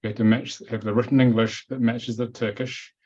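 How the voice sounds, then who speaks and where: A man with a medium-pitched, darkish voice and a breathy edge talks a little fast in a level tone. He's the host and teacher of a live webinar Q&A, responding to questions over a video call plainly and directly, restating points with firmness. The sound is dull lo-fi call audio.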